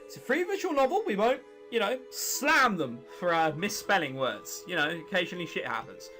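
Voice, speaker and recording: Fairly quick and very animated, a high, sharp-toned voice belongs to a late-teen gaming host from England. He reads a visual novel aloud with casual, sarcastic, sweary remarks while music plays behind him.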